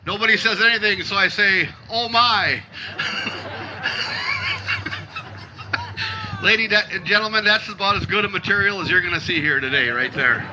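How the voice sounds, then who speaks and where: Brief: higher-voiced man from Michigan, joking outdoor show emcee, on a PA mic with clear background noise. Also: huge pitch swings, unhurried, long pauses. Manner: wisecracking, self-deprecating, teasing the audience. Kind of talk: joking crowd banter over a PA. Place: outdoor festival stage.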